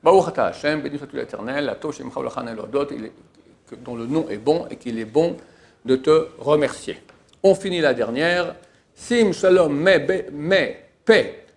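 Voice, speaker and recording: A male rabbi teaching a prayer, reading Hebrew phrases one by one and translating each into plain speech, stressing key words. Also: on the high side. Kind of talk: religious lesson, line-by-line translation.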